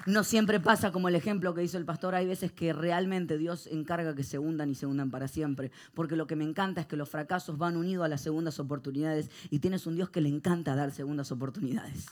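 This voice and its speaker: A male pastor, preaching a sermon to a live congregation and swinging between hushed reflection and loud, animated storytelling. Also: on the high side, brisk, hardly any pauses.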